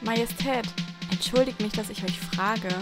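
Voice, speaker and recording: A woman's voice: a little high, moderate pace, lightly acted. Earnest wondering boy, voiced by a woman, light voice over a strong music bed. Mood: earnest, curious. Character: the Little Prince, a curious, earnest boy. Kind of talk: radio play acting. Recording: loud music underneath.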